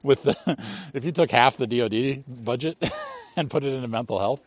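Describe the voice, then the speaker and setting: A man's voice: mid-range voice, fairly quick. A man hosting a casual conversation, pressing his case with rhetorical questions.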